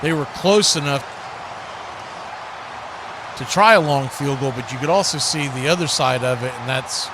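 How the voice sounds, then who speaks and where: A man's mid-range voice moves at normal speed with long pauses as he gives live football play-by-play for a fan watch-party stream. He's conversational, weaving his own opinions into the calls, and the audio is clearly noisy.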